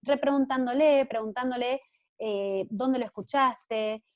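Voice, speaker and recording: A woman's voice: on the high side, a little slow. A woman giving an explanatory talk at a parenting workshop, earnest and often checking in with her listeners.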